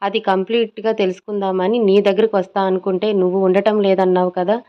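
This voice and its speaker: A woman voicing an excitable, teasing young man, a best friend, in a dull lo-fi audio story recording. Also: medium pitch, quick pace, lightly acted. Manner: loud and teasing.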